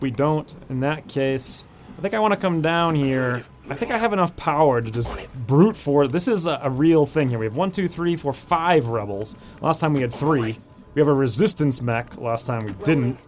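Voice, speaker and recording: A man's voice: medium pitch, normal speed, faint music behind. A man hosting a let's play, talking casually through his gameplay and thinking aloud with frequent fillers. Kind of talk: gameplay commentary.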